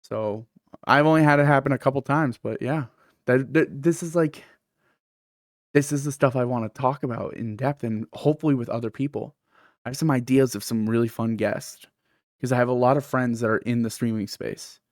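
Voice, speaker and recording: Clean studio sound with no echo captures a man's medium-pitched, steady voice at normal speed, his lisp making th come out as f. As a podcast host and streamer, he rambles through a casual solo show in a candid, self-deprecating way.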